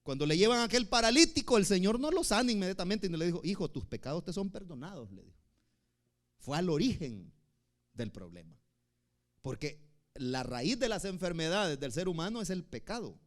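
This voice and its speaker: A man preaching a sermon as pastor, swinging from shouted peaks to hushed asides and acting out pleas in a crying voice. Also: big pitch swings, brisk. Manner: acts out quoted pleas in a high crying voice.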